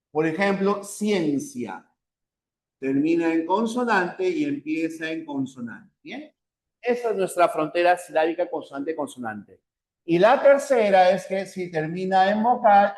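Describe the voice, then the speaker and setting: A man's voice: a little high, echoey room. A man teaching a language class, explaining step by step, repeating points and checking in with short tag questions. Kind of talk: online class lecture.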